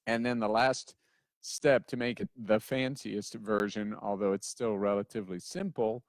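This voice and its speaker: A man's voice: on the low side, fairly even intonation, normal speed, dry recording. A man giving a casual drum lesson who counts in aloud and sometimes wanders off topic. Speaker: drum teacher. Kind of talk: casual instructional talk.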